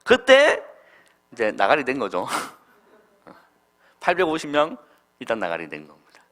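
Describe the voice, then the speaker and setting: A man preaching a Sunday school sermon to children, quizzing them with questions and swinging from loud calls to soft murmurs. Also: medium pitch, wildly swooping pitch, takes it slowly. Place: church.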